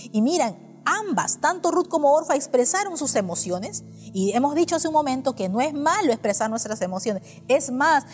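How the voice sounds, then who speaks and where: High-voiced woman preaching in a reverberant hall. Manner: earnest, rhetorical questions to the congregation. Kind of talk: sermon.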